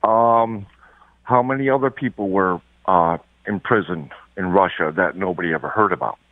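A man's voice: low-pitched, moderate pace, no room sound. A man calling in to a radio talk show on a speakerphone, talking hesitantly with frequent ums. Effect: speakerphone call over a phone line. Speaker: caller. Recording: tinny phone line.

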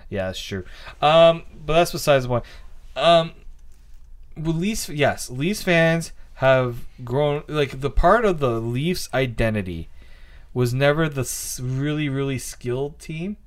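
A man's voice: mid-range voice, expressive, slow. A man hosting a sports podcast in casual chat, rambling with frequent ums and restarts. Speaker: podcast host.

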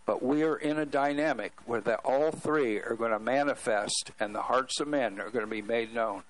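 A man speaking as a talk show guest, earnestly expounding his beliefs in a deliberate way with pauses mid-sentence. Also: medium pitch, poor audio. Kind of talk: earnest religious exposition.

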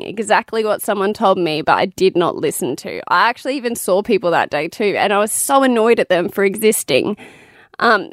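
A woman's voice: medium pitch, dry recording, studio quality. A young woman, a new mother, telling her birth stories in casual, frank talk, swearing freely and laughing now and then. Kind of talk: candid casual storytelling.

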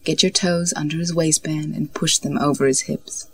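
Hushed, commanding lover, as a woman reads her. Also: low voice, steady tone, moderate pace, slightly rough. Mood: soft commanding. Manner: soft, hushed instructions.

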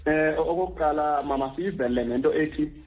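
A man's voice: fairly high pitch, fast, darkish tone, highs cut off. A man with a Xhosa accent explaining conversationally on the radio, often repeating the starts of his words.

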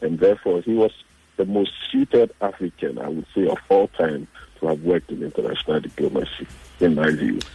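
A man with a Ghanaian accent and a husky voice, giving measured, earnest commentary as a guest journalist in a radio interview. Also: rumbling low, dry recording, phone-quality sound.

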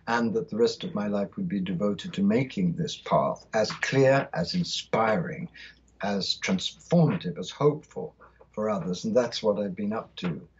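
Fervent man in his sixties, husky. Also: on the low side, lively intonation, moderate pace, lo-fi sound. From South India. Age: 60s. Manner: fervent, rhythmic, lingering on lists of words. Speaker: guest. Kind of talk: impassioned spiritual storytelling.

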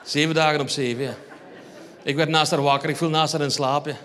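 High-voiced Flemish man doing stand-up. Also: fairly even intonation, fairly quick, a bit bright. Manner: wry, storytelling, addresses the audience. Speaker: stand-up comedian. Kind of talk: stand-up routine. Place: theatre hall on stage. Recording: reverberant live hall.

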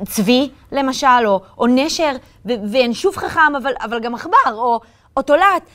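An animated woman reading a children's story. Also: high voice. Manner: expressive, animated. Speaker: story reader.

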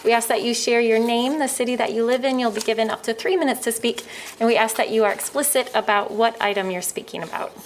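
A woman's voice: on the high side, steady tone, fast, a little hiss or hum. An American woman formally leading a public meeting as its chair, moving through procedure.

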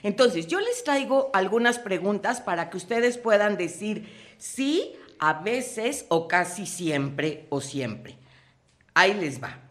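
A Mexican woman commenting on the radio, her pitch swinging up and down with a lot of life. She talks expressively and slips into little acted-out scenes. Her voice sits at an ordinary middle pitch for a woman. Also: slow pace. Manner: expressive, acts out short quoted scenes. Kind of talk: lively on-air talk.

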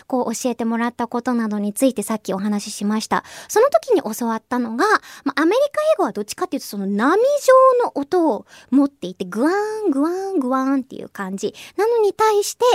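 A woman's voice: high-pitched, no echo, clean studio sound. A Japanese woman hosts a radio show, switching between English with a Japanese accent and Japanese. She stops often to search for words, with many fillers. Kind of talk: casual talk in English and Japanese.

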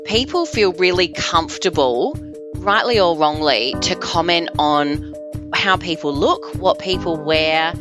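A woman's voice: on the low side, a little slow, loud music behind the voice. An Australian woman in her forties, a podcast guest, candidly telling her personal experience. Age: 40s.

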